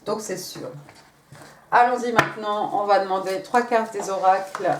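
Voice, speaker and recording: Brief: woman tarot reader, halting and chatty, a bit off the mic in a roomy room. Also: mid-range voice, steady tone, recorded from a distance, noisy background. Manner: hesitant, many fillers and restarts. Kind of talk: casual tarot reading. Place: room at home.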